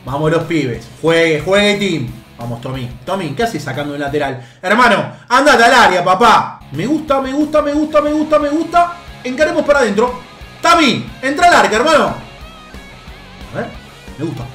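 A young man with an Argentine accent giving excitable gameplay commentary as a video game coach, cheering his players on with bursts of shouting. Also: high-pitched, normal speed. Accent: Argentine Spanish. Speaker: gaming YouTuber. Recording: roomy home setup with faint background music.

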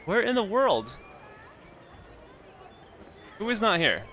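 Lively, bright-voiced gaming commentator man. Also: high-pitched, slow pace, slight background noise. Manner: chatty, self-mocking, talks to the game characters. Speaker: let's play host. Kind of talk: casual gameplay commentary.

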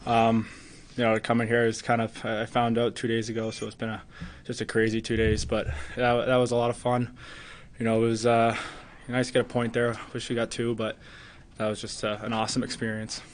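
A man's voice: mid-range voice, completely flat delivery, brisk. A man in his twenties, a hockey player answering postgame press questions earnestly, with lots of "you know" fillers, at a table mic in an arena press room. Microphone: table mic in front.

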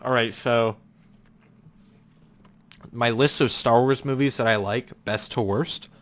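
A young man hosting a casual podcast chat, rambling and laughing often, getting animated when he rants. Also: medium pitch, slow pace. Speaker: podcast host.

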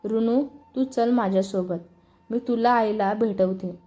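A polite young wife from a storybook who tries to settle a fight, as a woman narrator reads her. She speaks in a gentle, mellow, soothing way. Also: medium pitch, steady tone, measured pace, close to an everyday voice. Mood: calming.

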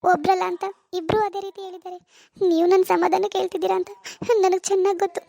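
A woman's voice: extremely high pitch, flat delivery, fast, vocal fry, mellow, dry recording. A woman voicing a tearful young married daughter in a cartoon, complaining and full of self-pity. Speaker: grieving daughter. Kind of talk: cartoon voice acting.

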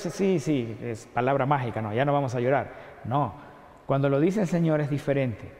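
A man with an Ecuadorian Spanish accent preaching a sermon as pastor, earnestly asking rhetorical questions and dropping his voice low on key points. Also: mellow. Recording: long hall reverb.

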